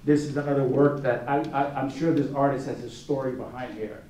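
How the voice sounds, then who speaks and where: A man's voice: mid-range voice, fairly even intonation, a little fast, warm tone. A man serving as juror of an art competition, giving an informal gallery talk with many restarts and anecdotal asides. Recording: roomy echo, distant mic, faint noise.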